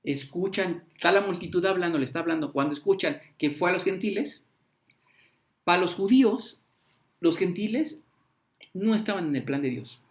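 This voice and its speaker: Animated preacher, man. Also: high-pitched, moderate pace. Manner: animated, acts out crowd voices with slang. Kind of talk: sermon.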